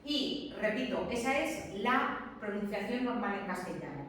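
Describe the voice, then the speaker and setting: A woman's voice: medium pitch, very animated, a little slow, fairly bright tone, slight background noise. A woman teacher lecturing a class, explaining step by step, repeating her points and asking the students questions. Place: large echoey classroom. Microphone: distant camera mic. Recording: echoey classroom from far off.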